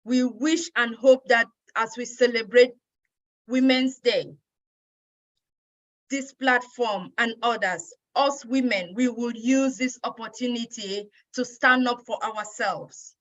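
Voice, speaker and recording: A woman's voice: on the high side, steady tone, a little slow, fairly bright tone, muffled recording. A woman from Cameroon giving an earnest, grateful personal speech at a women's day event.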